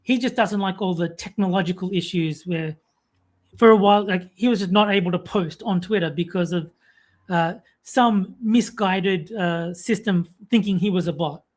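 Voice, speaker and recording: Her voice is on the low side and a little dark, at a moderate pace. She's an Australian co-host on a relaxed talk stream, chattering with plenty of fillers as she reads out what viewers write in chat.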